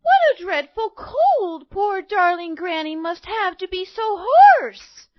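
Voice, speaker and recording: Woman doing a sweet little storybook girl, real high n sing-songy, stretches words out. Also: big pitch swings, no echo, muffled recording, full character voice. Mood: worried. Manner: sing-song, drawn-out phrases. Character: sweet, innocent, kindly little girl of fairy tale.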